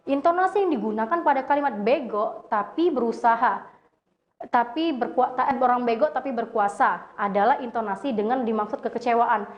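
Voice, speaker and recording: Slightly high woman reading a lesson. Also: moderate pace. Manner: reads with slips and self-corrections. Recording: dull lo-fi recording.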